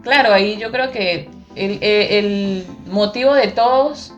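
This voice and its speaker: A woman's voice: mid-range voice, slow pace, dull audio, soft background music. A Venezuelan woman being interviewed, telling a personal story with feeling and acting out the voices of her family. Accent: Venezuelan Spanish. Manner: animated, acts out quoted voices.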